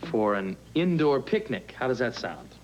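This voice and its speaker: A playful, indulgent parent in a TV drama, speaking gently to a child. Her voice is very low, with clear noise behind it. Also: big pitch swings, moderate pace, echoey room. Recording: noisy vintage TV audio.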